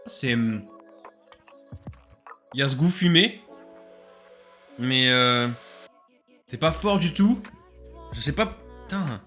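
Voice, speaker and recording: A man's voice: medium pitch, takes it slowly, long pauses, faint music behind. A man, tired from a late night, chatting casually on camera as he orders and tastes takeaway food. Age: late 20s. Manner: chatty, animated, self-mocking. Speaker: food reviewer. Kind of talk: casual food-tasting vlog. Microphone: webcam.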